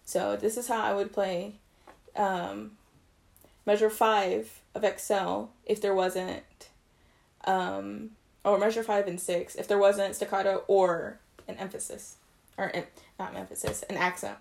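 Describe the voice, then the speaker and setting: Her delivery is flat and a little slow, medium in pitch, with vocal fry and a darkish tone. The young trumpeter is teaching articulation fundamentals in a casual video, chatty, self-correcting, and loose in her explanations.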